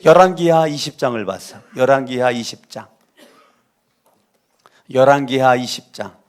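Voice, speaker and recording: Korean pastor guy preaching, medium-pitched voice, gets loud then drops soft, keeps telling the church to repeat after him. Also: moderate pace. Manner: preaching, calls on the congregation to repeat lines; swings between loud exhortation and soft intimate asides. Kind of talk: sermon.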